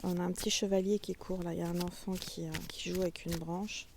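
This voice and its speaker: A woman's voice: on the low side, level tone, brisk, creaky, a little mellow, slight background noise. A woman giving a casual, chatty tarot reading outdoors in front of a castle, talking straight to her viewers. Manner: chatty, addresses viewers as little stars. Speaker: tarot reader.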